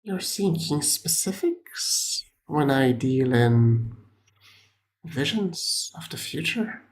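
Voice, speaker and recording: A man voicing a cryptic male trader of glowing trinkets, speaking in a sly, secretive hush. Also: mid-range voice, animated, takes it slowly.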